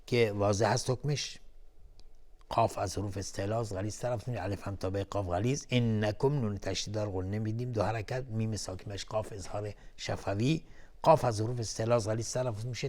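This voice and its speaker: A man hosting a televised Quran recitation lesson, chanting each verse slowly and melodically, then calmly explaining the recitation rules word by word. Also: fairly low pitch. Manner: calm, methodical, repeats each word while explaining. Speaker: Quran recitation teacher and host.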